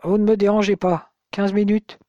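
Narrator doing a gruff older man, curt, terse, somewhat raised, dry close sound. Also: medium pitch, normal speed, warm tone, dry recording, dull audio, lightly acted.

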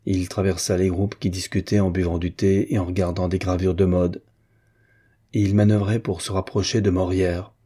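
A man narrates a classic novel in a measured, even reading. His voice is low and dark, with a husky edge. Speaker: audiobook narrator.

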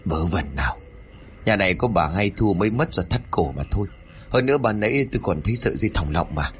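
A man voicing a stern, uneasy middle-aged husband who gruffly reassures his wife in a spoken horror story. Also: deep voice, expressive, a little fast, slight background noise.

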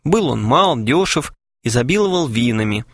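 Expressive male storyteller, dry sound. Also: medium pitch, normal speed, no room sound. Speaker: audiobook narrator. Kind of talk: scripted story narration.

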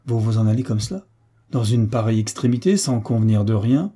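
A man's voice: on the low side, lively intonation, brisk, warm tone, slightly rough. A man reading as a smug baron. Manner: smug, fussy. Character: self-satisfied pompous nobleman.

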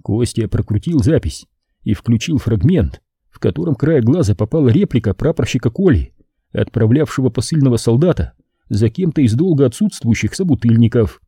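A man narrating an audiobook with wry, lively storytelling. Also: mid-range voice, normal speed, slightly rough, no echo, studio quality. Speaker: audiobook reader.

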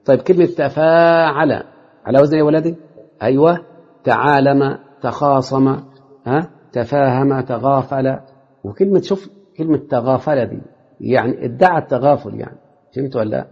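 A man's voice: mid-range voice, a little fast, darkish tone, breathy edge. A man teaching a classroom lesson in an Egyptian Arabic accent, constantly quizzing his students with short questions. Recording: lo-fi hall recording with long reverb.

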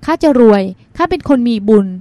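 A woman voicing a calm older sister, a doctor, who questions and lectures in a dry, probing way. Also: a little fast, no echo, natural voice. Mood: wry.

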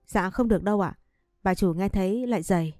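Woman reading as a shy polite teenage maid, mellow, dry read. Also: mid-range voice, fairly quick, no echo, faint music behind, close to an everyday voice. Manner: polite, deferential.

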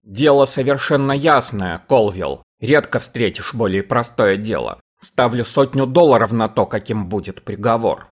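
A man voicing a calm, self-satisfied sheriff who talks bluntly. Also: mid-range voice, normal speed, few pauses, lightly acted. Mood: smug. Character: smug, calm small-town sheriff, blunt and stern.

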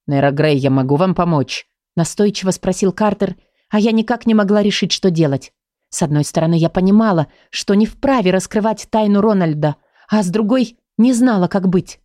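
A woman's voice: mid-range voice, no room sound, studio quality. A woman reading a first-person fantasy audiobook expressively, voicing every character. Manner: expressive, voices many characters. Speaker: audiobook narrator.

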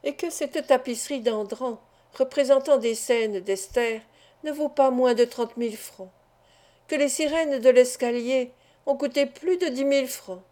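A woman voicing a calm, gently smiling male police commissioner in an audiobook, softly polite. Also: sits high, unhurried.

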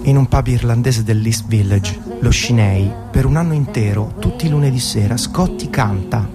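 In a guided music programme, a man narrates a scripted story at normal speed in a mid-range voice, phrasing it like a dramatic, literary storyteller. He's a radio presenter, and prominent music plays beneath him.

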